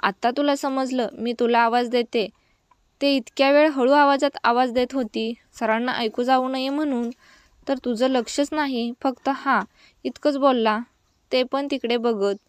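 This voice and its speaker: A woman voicing a playful, pushy young college girl in a read-aloud story, in a smooth, clear voice. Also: high voice, fairly even intonation, measured pace, no echo. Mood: teasing.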